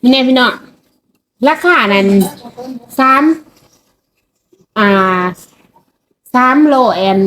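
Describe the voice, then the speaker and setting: A woman's voice: medium pitch, rough recording. A woman from Laos with a Lao accent, chatting casually to her viewers in a food vlog and keeping up a friendly running talk. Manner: chatty, keeps addressing viewers as brothers and sisters. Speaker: vlogger.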